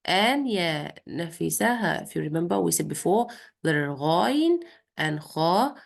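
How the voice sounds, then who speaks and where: Female Quran tutor, low gravelly tone, patient, slow explaining lesson. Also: lively intonation. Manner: demonstrates Arabic throat sounds. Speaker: Quran recitation teacher. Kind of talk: recorded revision lesson for a student.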